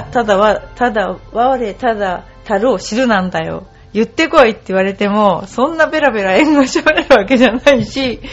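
A woman's voice: medium pitch, darkish tone. A woman host chatting casually and rambling, with many fillers. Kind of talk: casual radio talk. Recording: slightly dull lo-fi sound with faint music.

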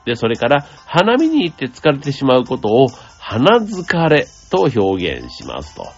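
A man hosting a radio show, explaining things in a gentle, chatty way with many asides and fillers. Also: medium pitch, huge pitch swings, a little slow, breathy edge, dull audio, faint music behind. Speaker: radio host. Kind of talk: casual explanatory radio talk.

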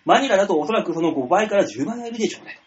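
A man hosting a casual comedy radio chat, joking and animated, now and then putting on silly voices. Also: high voice, racing. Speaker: radio show host. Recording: dull lo-fi radio recording.

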